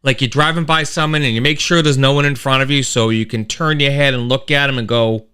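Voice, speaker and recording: A man's voice: mid-range voice, a little fast, clean tone. A middle-aged man, hosting a casual live-stream monologue, rambling with restarts. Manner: animated storyteller, rambling with restarts and sound effects. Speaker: host of a weekly live-stream show.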